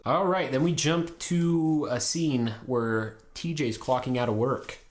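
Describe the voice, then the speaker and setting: A man's voice: mid-range voice, a little slow. A man hosting a casual film review podcast, recapping the plot in a laid-back way with crude jokes.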